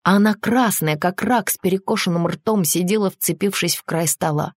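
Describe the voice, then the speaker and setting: A woman narrates an audiobook in a measured, even way. Her voice sits low, and the recording is dry and close to the mic. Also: no echo. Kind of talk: scripted narration.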